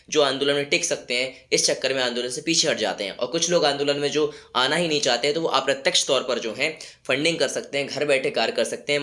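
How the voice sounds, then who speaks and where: Hoarse man rallying his viewers. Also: medium pitch, pushed and bright. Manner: rallying, exhorting, rhetorical questions. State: sore throat and cold. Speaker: YouTube channel host. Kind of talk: motivational commentary to viewers.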